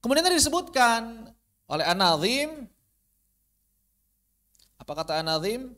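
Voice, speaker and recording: Guy giving an online tajwid class, pretty high voice, keeps saying example words over to show the sound. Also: big pitch swings, measured pace, sharp tone. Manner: explanatory, demonstrates Arabic sounds by repeating them. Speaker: Quran recitation teacher.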